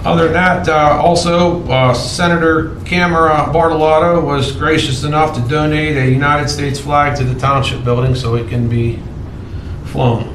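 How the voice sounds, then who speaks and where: A man's voice: on the high side, fairly even intonation, normal speed, background noise. Man chairing a township meeting, plain and procedural; meeting-room recording like a courtroom tape, distant and echoey. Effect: public meeting recording, like a courtroom tape. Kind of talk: presiding over a public meeting.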